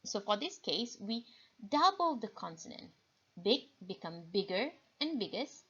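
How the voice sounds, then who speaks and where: A woman teacher giving a recorded grammar lesson, slowly repeating key points and checking in with "okay?". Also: medium pitch, very animated, a bit bright, slightly rough. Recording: dull lo-fi recording.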